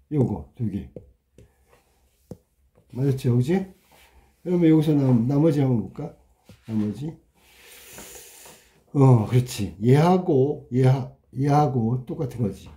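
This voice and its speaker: A male Korean language teacher talking casually through exam questions, sounding out words slowly and often repeating them, with many rhetorical questions. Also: medium pitch, animated, dark tone. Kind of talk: casual exam walkthrough lesson.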